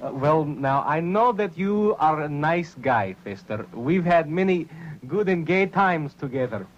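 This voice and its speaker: A man playing a bossy, childlike drill-instructor pal with halting, odd phrasing in a radio comedy sketch. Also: on the high side, lively intonation. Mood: chummy. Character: bossy, childlike male drill-instructor buddy in broken English. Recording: dull lo-fi radio recording.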